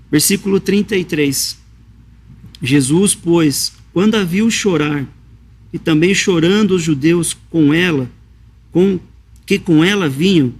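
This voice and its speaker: A man from Brazil preaching a sermon, reading scripture aloud and explaining it with emotion and slow, repeated emphasis. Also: on the high side, darkish tone.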